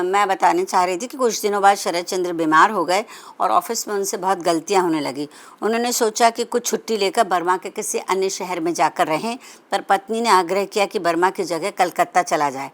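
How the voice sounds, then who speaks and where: A woman reading a literary story aloud, with conversational asides and frequent self-corrections. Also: medium pitch.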